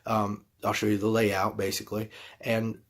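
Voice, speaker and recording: A man's voice: fairly low pitch, monotone, moderate pace. A man telling a personal story to camera in a folksy, rambling way, acting out his own reactions. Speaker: YouTube channel host.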